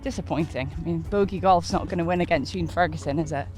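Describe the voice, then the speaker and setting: A woman with a gentle East Coast Scottish accent, hosting and chatting casually as she plays golf. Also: on the low side, quick pace, faint music behind. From east coast of Scotland. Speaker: host and golfer. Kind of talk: casual on-course chat.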